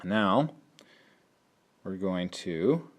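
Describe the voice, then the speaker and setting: A man's voice: sits low, animated, drawn-out words. A man explaining an app step by step in a tutorial, thinking aloud as he works. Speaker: teacher. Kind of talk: screen-recorded app tutorial.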